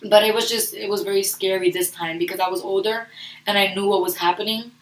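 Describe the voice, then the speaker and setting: A young woman telling a personal story in a vlog. She talks in a rushed, earnest way and often restarts her sentences. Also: mid-range voice, steady tone, slight background noise. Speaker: vlogger. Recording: roomy echo, distant from the mic.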